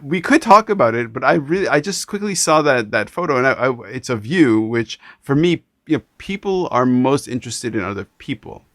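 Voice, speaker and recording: A man from Canada hosting an interview, talking in an animated, rambling way with many restarts. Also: medium pitch, a little fast, few pauses, dry recording, clean studio sound. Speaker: podcast host. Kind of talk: casual interview chat.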